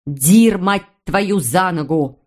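A woman voicing a loud, bossy middle-aged housekeeper who barks orders and makes sarcastic jabs. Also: on the low side, lively intonation, moderate pace, lightly acted. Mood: barking. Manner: barking, sarcastic.

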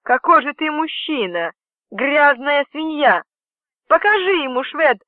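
A man's voice: very high voice, a little slow, no echo. A man doing a distraught, furious young woman. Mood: goading. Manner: sobbing, anguished outbursts. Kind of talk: audiobook character voicing. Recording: dry, tinny phone-like audio.

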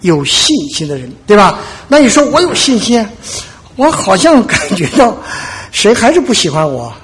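A man's voice: high-pitched, very animated, normal speed, fairly bright tone, breathy edge. A man preaching a conversational sermon, telling Bible stories in a folksy way and checking with listeners. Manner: folksy storytelling, frequent "对吧" asides, acts out quotes.

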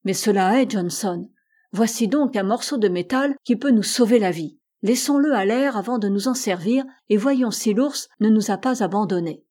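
A woman reading the lines of a modest, well-read male ship's doctor in a raised, animated voice. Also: medium pitch, normal speed, natural voice. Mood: explaining.

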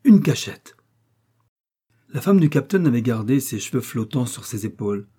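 Mellow husky man reading a story. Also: medium pitch, expressive, fast talker. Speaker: audiobook reader. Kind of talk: scripted narration of a wartime novel.

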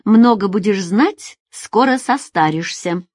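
A woman's voice: medium pitch, expressive, slow pace, darkish tone, no room sound, studio quality. A woman reading a novel aloud, voicing an eager, lovestruck man who barks short, impatient commands.

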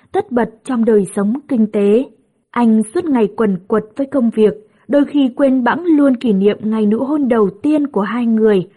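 A woman narrating a story in a gentle, measured storytelling voice. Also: on the high side. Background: soft music.

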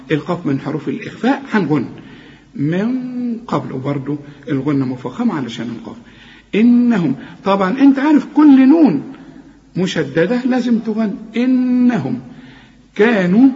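A man with an Egyptian accent teaching Quran recitation, stopping a student to correct each sound and modelling words slowly, often exasperated. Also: fairly high pitch, darkish tone, lo-fi sound. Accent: Egyptian Arabic. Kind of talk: tajweed lesson correcting a student.

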